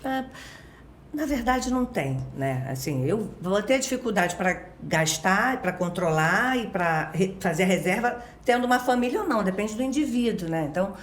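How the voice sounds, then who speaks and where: In a roomy space with slight background noise, a guest expert explains things through casual chat, everyday examples and constant tag questions. She is a Brazilian woman, born in Minas Gerais, who speaks with a Rio de Janeiro Portuguese accent. Her medium-pitched voice is expressive at a normal speed.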